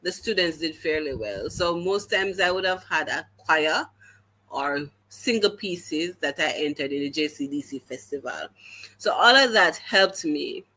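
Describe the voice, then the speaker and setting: Poor audio captures a woman whose low voice is expressive, pushed, and bright. A teacher with a Jamaican accent, she recounts her story as an interview guest, earnest and halting, often restarting and dropping into patois.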